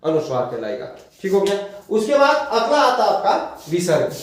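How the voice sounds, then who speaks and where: A man's voice: high voice, wildly swooping pitch, normal speed. A male teacher giving a classroom grammar lesson, quizzing his listeners and drawing words out syllable by syllable. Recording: very echoey room, mic far off.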